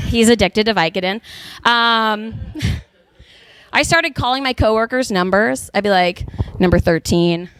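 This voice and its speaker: A young woman from Texas doing a stand-up comedy routine, telling animated stories and slipping into character voices. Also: a little high, clean tone.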